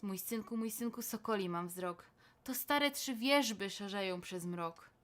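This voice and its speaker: A woman voicing a calm father who reassures his son in a gentle, lowered tone. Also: measured pace, natural voice. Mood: soothing.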